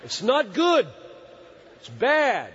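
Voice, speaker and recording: A man in his sixties preaching a sermon in an earnest, emphatic way, often pausing to search for words. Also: very high voice, wildly swooping pitch, fairly bright tone, husky. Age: 60s. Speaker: pastor. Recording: dull hall recording with long reverb.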